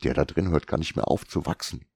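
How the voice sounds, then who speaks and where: A man voicing a bookseller's anxious, excitable young adult son who speaks agitatedly, in an audiobook. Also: extremely low pitch, fairly quick, creaky, breathy edge, no room sound, full character voice. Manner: agitated, fearful. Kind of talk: audiobook character reading.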